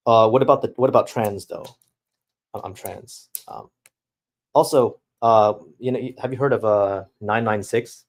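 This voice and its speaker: Soft-spoken young man reading chat. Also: lowish voice. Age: young adult. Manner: halting, self-reflective, reads chat messages aloud. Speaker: streamer answering chat. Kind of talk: casual chat.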